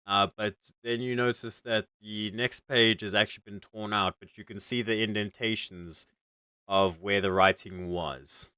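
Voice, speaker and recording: A man's voice: fairly low pitch, steady tone, unhurried, pushed and bright, clear, resonant tone, no room sound, clean studio sound. A man casually narrating a tabletop game as game master, improvising informally.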